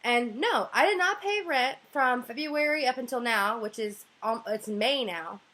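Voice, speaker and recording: A young woman telling a storytime vlog about her landlord, animated, with lots of "like" fillers. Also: on the high side, a little slow. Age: young adult. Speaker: vlogger.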